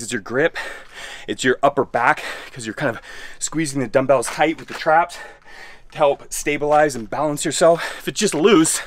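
A fairly high-pitched, fairly bright male voice belongs to a fitness coach in his thirties. His voice-over is laid-back and enthusiastic as he talks through exercises at an outdoor home gym by a garage.

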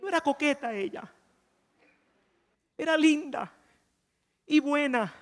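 A woman's voice: sits high, animated, slow. A woman giving a chatty, playful sermon at a conference, often asking her audience questions. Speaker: conference speaker. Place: church conference hall. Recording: long reverb of a large hall.

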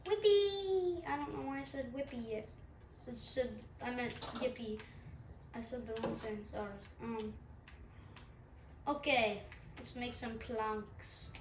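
A woman's voice: on the high side, steady tone, a little slow, long pauses. A woman with a stuffy nose giving rambling, self-mocking commentary while playing a game. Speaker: gaming channel host. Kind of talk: let's-play commentary. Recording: roomy, distant mic, faint background hum.

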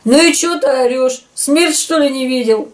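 A weary, slangy Death, acted by a woman in a spoken storybook. She talks in a high, exasperated voice, like a worn-out worker on a long shift. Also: normal speed, close to an everyday voice. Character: weary slangy Death, a tired female reaper.

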